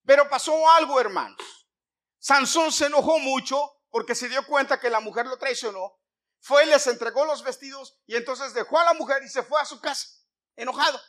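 A man preaching a sermon, retelling a Bible story in a lively way and putting questions to his listeners. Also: very high-pitched, moderate pace. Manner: animated, asks the listeners questions.

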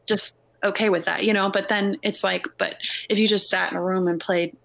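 A woman musician in loose conversation, her thoughts spilling out in a meandering way. She leans on fillers and circles back as she talks, at an ordinary middle pitch. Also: steady tone, brisk, vocal fry, fairly bright tone. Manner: rambling, full of "like" and "you know". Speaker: songwriter and musician. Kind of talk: casual conversation.

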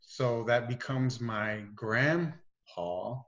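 A man being interviewed on a podcast, telling a family story in an easygoing, halting way. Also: medium pitch, a bit bright, dull audio. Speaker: podcast guest. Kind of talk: casual interview chat.

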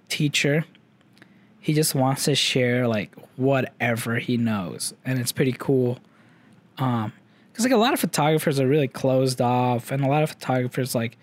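Young man, slight Chinese-English accent, casual audio update, rambling, swears freely. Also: medium pitch. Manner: rambling, lots of fillers and swearing. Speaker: vlogger.

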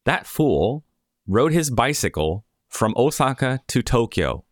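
A man's voice: mid-range voice, big pitch swings, unhurried, dry recording, clean studio sound. A man hosting a podcast in casual chat, rambling and correcting himself as he goes. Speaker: podcast host.

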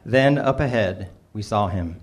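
A man's voice: lowish voice, unhurried. Wry middle-aged man telling a story. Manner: dry, self-mocking delivery with small laughs. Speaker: narrator reading his personal essay. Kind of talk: first-person storytelling, wry and humorous.

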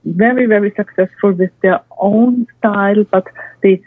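A woman's voice: medium pitch, normal speed, breathy edge, dry recording. A woman with a non-native English accent gives structured expert advice, emphatically listing and repeating her points. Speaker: guest expert and speaker. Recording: tinny phone-like line, dry.

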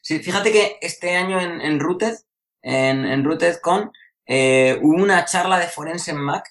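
Rambling man, slightly high voice. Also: unhurried, a bit bright. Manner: rambling, self-interrupting, colloquial. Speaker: security course instructor. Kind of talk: casual podcast chat.

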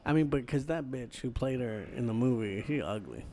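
A man's voice: mid-range voice, fairly quick, a little mellow, slight background noise. A man co-hosting a casual movie chat in a blunt, sweary, slangy way.

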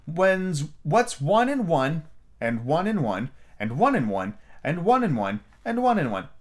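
A dithery old queen from a storybook, played by a man, high and singsong. She sounds fussy, anxious and childlike as she rambles along. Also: sing-song, a little slow. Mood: quizzing.

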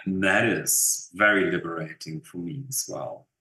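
A German-accented actor in his fifties rambles through a casual interview, full of fillers and restarts. His voice sits low with a sharp tone at normal speed, and the recording has a roomy echo.

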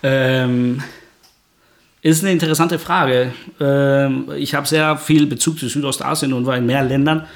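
A man from Guatemala who is a guest researcher in a podcast interview, speaking at a measured pace with frequent hesitations. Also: mid-range voice, steady tone.

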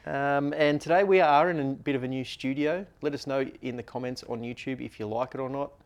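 A man's voice: mid-range voice, fairly even intonation, a little fast, smooth. A man co-hosting a podcast, explaining things in a loose, rambling, casual way. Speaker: podcast co-host.

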